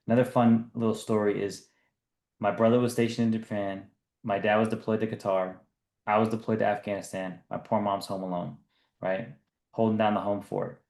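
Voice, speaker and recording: Man, 30s, lowish voice, earnest podcast guest, roomy echo. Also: flat delivery, normal speed, gravelly, a little mellow. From US East Coast. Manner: earnest, repeats words when restarting. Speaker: business founder guest. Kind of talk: conversational podcast interview.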